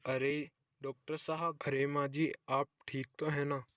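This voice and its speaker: Man doing stern young husband, cartoon story, commanding, scolds fast, dry sound. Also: fairly high pitch, little pitch movement, fairly bright tone, no echo. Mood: alarmed.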